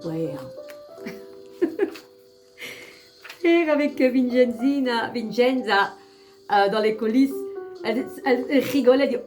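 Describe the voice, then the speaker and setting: A woman with a Brussels accent and a fairly high voice, talking as a tarot reader. She chats affectionately, often restarting her sentences, then reads her card text aloud. Soft music plays faintly behind her. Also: animated, slow, long pauses. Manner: affectionate, chatty, many restarts. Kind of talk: casual card-of-the-day talk and reading aloud.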